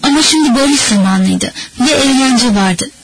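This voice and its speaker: A woman narrating a novel as an audiobook in a measured, steady reading manner. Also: a little high, slight background noise, low-quality recording. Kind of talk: scripted narration.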